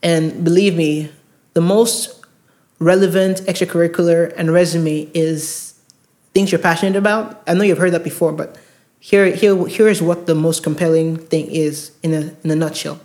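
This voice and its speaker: A man's voice: fairly high pitch, steady tone, moderate pace, a little mellow. A man hosting an advice podcast, speaking earnestly and emphatically, often repeating words for stress. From outside the US. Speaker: podcast host advising premed students. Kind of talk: casual advice monologue. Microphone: handheld recorder mic.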